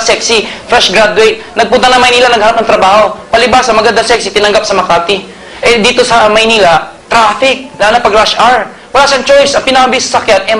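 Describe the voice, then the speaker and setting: A man from the Philippines giving a joking sales seminar to a live audience, telling stories and quizzing the crowd. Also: high-pitched. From Pangasinan, Philippines. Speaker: marketing presenter. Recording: noisy hall with a reacting crowd.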